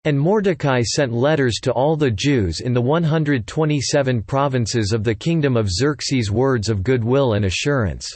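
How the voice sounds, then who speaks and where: A man giving a steady, measured scripture reading. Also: medium pitch, no echo. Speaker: Bible reader.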